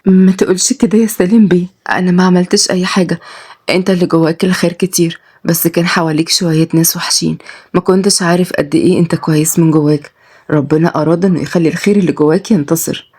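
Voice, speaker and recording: A woman's voice: on the low side, steady tone, fast, darkish tone, breathy edge. A woman voicing a kind, devout young woman who speaks sincerely and reassuringly in Egyptian Arabic.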